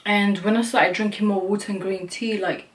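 Young woman, casual vlog chat, lots of "like", mid-pitched, a bit off-mic. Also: fairly even intonation, moderate pace, distant mic. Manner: chatty, peppered with "like" and "you know". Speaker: beauty vlogger.

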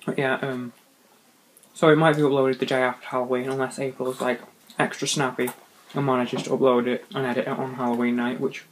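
A man's voice: mid-range voice, flat delivery, a little fast, low-quality recording. A young man vlogging casually, swearing now and then and talking with his mouth full during an eating show. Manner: chatty, swears casually, talks while eating. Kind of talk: casual mukbang chat. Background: faint party noise.

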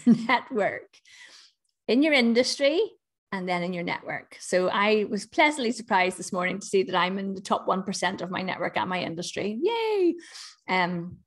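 A middle-aged woman with a Northern Irish accent giving a chatty, upbeat webinar presentation as a business coach. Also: medium pitch. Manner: chatty, upbeat, lively emphasis.

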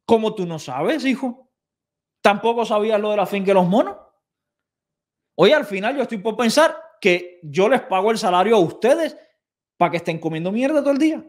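Male reaction commentator, indignant and sarcastic, slightly high pitch. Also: lively intonation, normal speed. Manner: sarcastic, indignant, repeats quoted phrases mockingly. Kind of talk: video commentary.

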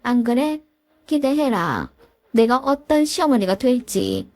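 A woman's voice: fairly high pitch, wildly swooping pitch, measured pace, darkish tone, no room sound, pitched above the performer's own voice, full character voice. A woman voicing a domineering, scolding older mother-in-law in a commanding tone.

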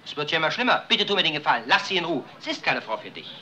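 A flustered fussy waiter. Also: male voice, a little high, sing-song, sharp tone, heavily acted. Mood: warning. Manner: fussy, quick-talking. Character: nervous fussy waiter man, evasive. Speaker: Fritz, a waiter. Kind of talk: 1950s film acting. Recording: old film soundtrack with hiss.

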